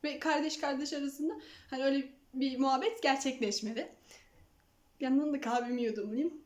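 A young woman chats casually to the camera from her home, her voice high and bright. She slips into doting baby talk with her cats, and the room around her sounds echoey. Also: brisk. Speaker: vlogger showing her cats. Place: at home, indoors.

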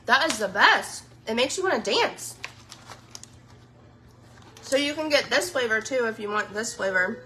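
A woman's voice: on the high side, animated, unhurried, long pauses, pushed and bright, slight background noise. A woman chatting in a casual live stream, gushing over products she tries and saying "y'all" to her viewers. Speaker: social media influencer.

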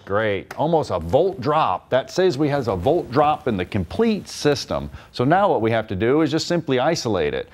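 A man's voice: mid-range voice, sing-song, normal speed, hardly any pauses, slight background noise. Folksy man demonstrating engine repair. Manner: folksy, plain-spoken, explains while working. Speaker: master technician and instructor. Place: large indoor repair workshop.

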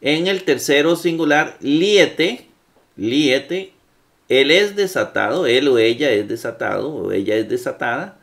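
A man's voice: mid-range voice, creaky, a bit bright. A man teaching Greek grammar in a classroom lecture, patient and full of fillers. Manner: slow, patient, with many fillers and checks.

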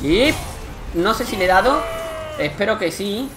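A young man from Spain with a Spanish accent, commenting live on his gameplay, excitable and swearing often in frustrated outbursts. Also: high-pitched, a little slow, noisy background. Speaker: gaming youtuber.

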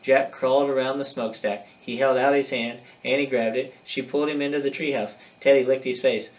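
A man's voice: medium pitch, brisk, recorded from a distance, lo-fi sound. Male teacher reading a storybook aloud. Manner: expressive, dramatic storytelling. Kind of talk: reading a chapter book aloud.

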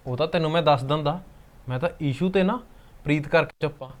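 A man plays a rude, scheming Punjabi man with a fairly high voice, talking quickly and sharply. Faint background noise sits behind him. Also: lightly acted. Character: scheming grown son, rude and short-tempered.

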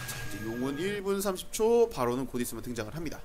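A man doing live esports game commentary in an excitable manner, given to shouting at big plays. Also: medium pitch, fast talker, music in the background. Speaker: esports commentator casting online matches.

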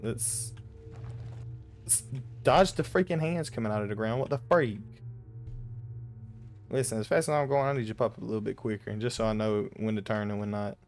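A young man giving casual, jokey commentary while playing a horror driving game, slangy and quick to yelp when startled. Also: lowish voice, soft background music. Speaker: gaming YouTuber.

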